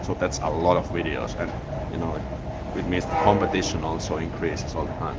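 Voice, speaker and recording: Here a low-pitched man from Finland talks a little fast during a casual live stream in the city, near a train station, going through viewer comments. He's relaxed and rambling and keeps restarting. A smartphone on a gimbal records him against outdoor street noise.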